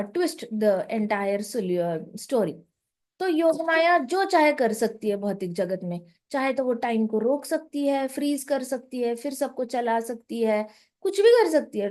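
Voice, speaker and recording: A woman narrating a devotional story with a high-pitched voice. She speaks expressively and drops in English phrases. Now and then she steps aside to explain details to her listeners. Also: darkish tone.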